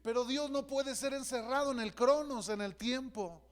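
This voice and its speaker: A man's voice: very high voice, normal speed. A male pastor preaching a sermon with fervor, often calling out to his listeners as brother. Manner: fervent preaching, often calls out "hermano".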